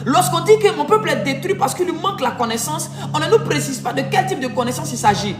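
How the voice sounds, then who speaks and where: A woman's voice: sits high, lively intonation, fast. A woman preaching a sermon, emphatic, sometimes drawing phrases out in a sung way. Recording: echoey room with music behind.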